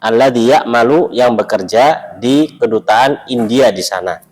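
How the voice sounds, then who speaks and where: A man with an Indonesian accent teaching an Arabic lesson to a mosque class, explaining in a relaxed, chatty way with asides. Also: mid-range voice, measured pace, rough recording.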